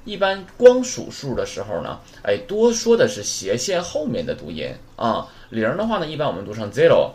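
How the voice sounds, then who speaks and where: Casual male language teacher, lively and talkative, drills numbers and keeps asking "right?". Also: mid-range voice, moderate pace, few pauses. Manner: chatty, repeats numbers aloud, asks rhetorical questions. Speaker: Japanese teacher. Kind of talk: casual spoken lesson.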